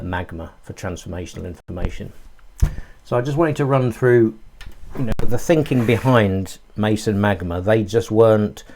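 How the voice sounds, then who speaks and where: A man's voice: lowish voice, a little mellow. A man giving a live online tutorial, explaining his ideas step by step and thinking aloud with many fillers. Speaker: course instructor.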